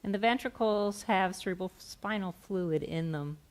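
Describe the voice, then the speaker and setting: A middle-aged woman gently and softly explaining a hands-on therapy demonstration step by step on stage. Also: mid-range voice, normal speed. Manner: gentle, soft-spoken. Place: on a stage in a theatre, indoors.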